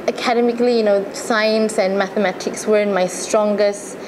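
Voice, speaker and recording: A woman's voice: mid-range voice, steady tone, normal speed. A young adult woman with a Malaysian accent recalling her experiences in a casual interview, earnest and chatty. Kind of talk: casual interview, personal recollection. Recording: noticeable background noise and ambience.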